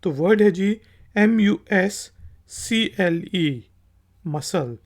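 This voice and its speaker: Very slow but animated, the mid-range voice belongs to a language teacher from Pakistan. The lesson is explanatory, patient and repetitive, with each word spelled letter by letter and then repeated.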